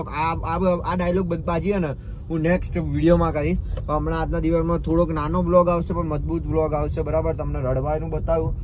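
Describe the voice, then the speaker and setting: A man's voice: fairly high pitch, a little mellow, slight background noise. A young man in casual vlog chat, teasing and joking with his wife. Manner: teasing, playful Gujarati banter. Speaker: vlogger.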